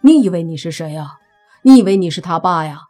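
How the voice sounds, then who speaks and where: A woman's voice: fairly low pitch, expressive, fairly quick, warm tone, soft background music, natural voice. A woman reading an audiobook and voicing a cocky young man who talks in a brash, mocking way with casual slang.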